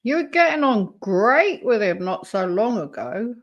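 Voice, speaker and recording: A woman's voice: on the high side, very animated, a little slow, muffled recording. Chatty woman live-streamer. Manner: chatty, reacting to a clip and reading chat aloud. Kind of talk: casual live-stream chat.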